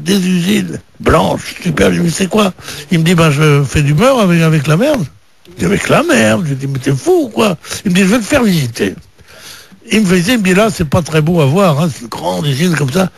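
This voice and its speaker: A man on a radio panel show, telling a long comic anecdote in an animated, joking way. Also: sits high, creaky, husky. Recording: radio broadcast.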